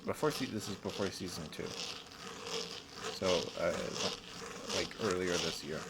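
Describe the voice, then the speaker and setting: With a low, unhurried voice, an ASMR streamer meanders through casual livestream chat, frequently laughing quietly to himself. Heavy background noise runs beneath his rambling talk.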